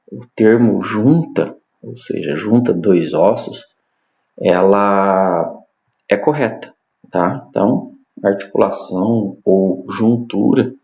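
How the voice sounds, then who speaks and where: A man lectures in a measured, step-by-step way, often checking in with his listeners. His voice has a gravelly edge. The recording sounds roomy and slightly muffled. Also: fairly low pitch, warm tone. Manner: measured, explains step by step with frequent tag questions.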